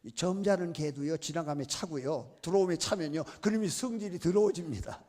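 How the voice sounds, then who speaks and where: A man's voice: on the high side, fairly quick, warm tone. A man from Chungcheong preaching a revival sermon as guest pastor, emphatic and exhorting with folksy humor. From Chungcheong, South Korea.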